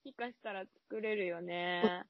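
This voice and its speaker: A young woman with a creaky, mid-range voice co-hosts a casual podcast chat at normal speed. She giggles often and stammers when she tries to mimic sounds, and the recording is dull and lo-fi.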